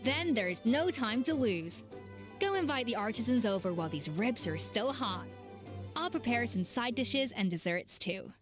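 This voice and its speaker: Woman playing a poised female chef, measured and courteous, slightly high voice, game dialogue with music behind. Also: expressive, close to an everyday voice. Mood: composed.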